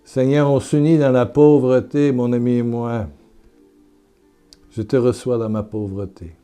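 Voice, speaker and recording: A man preaching and praying aloud, fervent and repetitive, with breathy exclamations. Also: medium pitch, level tone, unhurried, mellow, faint music behind. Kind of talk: prayerful preaching.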